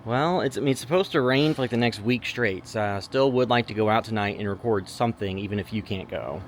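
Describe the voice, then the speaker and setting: A man's voice: on the low side, quick pace, natural voice. A man acting as a casual, skeptical amateur creature hunter in a found-footage horror film, muttering hesitantly to his camera. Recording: noisy location sound.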